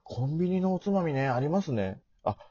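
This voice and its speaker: Gravelly middle-aged man, lively intonation. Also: on the high side, fairly quick, no echo. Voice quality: gravelly, rough voice. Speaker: podcast guest. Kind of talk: casual chat. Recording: dull, muffled lo-fi audio.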